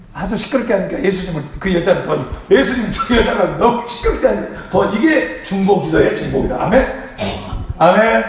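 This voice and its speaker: A man pastor delivering an impassioned sermon and leading the congregation in call-and-response. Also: very high-pitched. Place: large church hall. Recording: very echoey church hall, faint noise.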